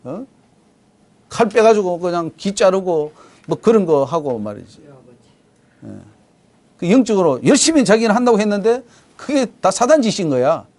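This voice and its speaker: A male pastor delivering a sermon. His voice sits high and moves through a wide, lively range, shifting between loud emphatic lines and quiet asides. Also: moderate pace, long pauses. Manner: animated preaching, swings from loud to hushed.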